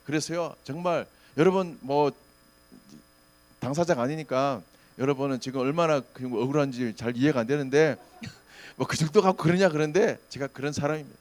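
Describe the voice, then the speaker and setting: A middle-aged man preaching a sermon as pastor, telling stories with animated, acted-out quotes. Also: fairly high pitch. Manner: animated storytelling, acting out shouted quotes. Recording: faint mains hum.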